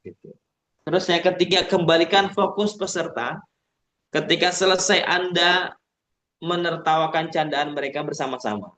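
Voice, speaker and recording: A man's voice: fairly high pitch, fairly even intonation, normal speed. A man giving a casual public speaking webinar, explaining step by step and often ending sentences with a filler. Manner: acts out shouting teachers and chirpy call-and-response. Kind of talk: webinar talk.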